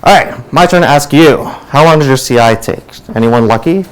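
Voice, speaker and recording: A man presenting an informal tech lightning talk at a meetup in a rushed, colloquial manner, often checking in with "right?". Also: slight background noise, rough recording. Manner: rushed, keeping it high level.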